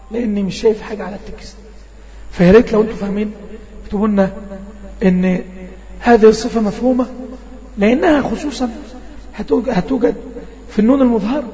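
A man with an Egyptian Arabic accent teaches Quran recitation online, his high, dark voice a bit strained. He stretches out sample words slowly and keeps checking in with his class. The audio is dull and lo-fi, with a long reverb.

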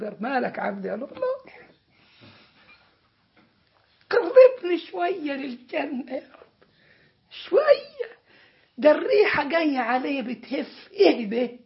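A preacher with an Egyptian accent voicing a desperate man who pleads and sobs to be let into paradise, his cries jumping high. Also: creaky, husky, dull audio, full character voice. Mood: ecstatic. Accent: Egyptian Arabic. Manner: pleading, sobbing, swings to high excited cries.

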